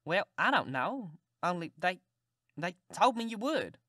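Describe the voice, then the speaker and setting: A woman's voice: fairly low pitch, big pitch swings, measured pace, a bit bright, no room sound, clean studio sound, exaggerated voice. A woman voicing Tom Sawyer, a cheeky Southern boy who talks in a polite, mock-innocent drawl.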